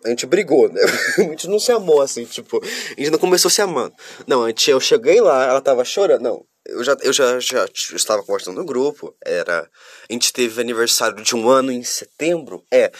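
A vlogger from Curitiba, in southern Brazil, rambles through a casual confessional monologue straight to viewers while stuffy from a cold. His mid-range voice has lively intonation and a fairly quick pace, captured in a dry, studio-quality recording.

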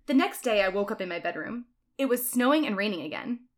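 A woman's voice: mid-range voice, expressive, fast. A woman reading a fan fiction aloud, narrating in a mock-earnest, dramatic way. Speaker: reader.

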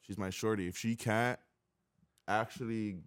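A man's voice: on the low side, fairly even intonation, a little slow. Young man, heavy street slang, casual podcast chat, informal co-host. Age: young adult.

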